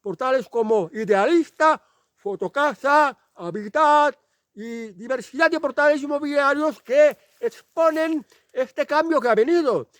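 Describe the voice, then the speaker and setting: A man with a Spanish accent from Spain gives an indignant, emphatic monologue, driving each point home by repeating it. His voice sits very high for a man. It is recorded dry and close, with no room sound at all. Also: unhurried, fairly bright tone, no echo. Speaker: channel host. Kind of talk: opinion monologue.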